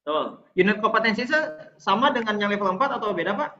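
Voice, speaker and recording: A man's voice: sits high, lively intonation, quick pace, bright, forceful tone, highs cut off. A man teaching a training class over a video call, chatty and often addressing his audience directly. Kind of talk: online training lecture.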